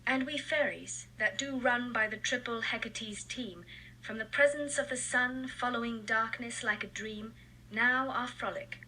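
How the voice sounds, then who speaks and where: A woman's voice: a little high, a little slow, pushed and bright, slight background noise, poor audio. A woman playing a mischievous night sprite, chanting rhythmic verse in a recorded stage reading. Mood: eerie, incanting. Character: mischievous sprite, playful and nocturnal.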